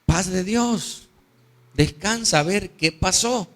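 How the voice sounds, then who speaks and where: A man voicing a patient, wise old father who speaks slowly and soothingly in a sermon story. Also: high voice, voice pushed up. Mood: calm. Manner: slow, measured, soothing.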